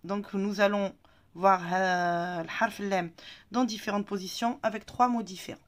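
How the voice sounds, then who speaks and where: With a mid-range voice, fairly even intonation and a moderate pace, a woman teaches Arabic reading to French-speaking learners. She's patient and encouraging, lengthening the syllables so they can follow along and repeat.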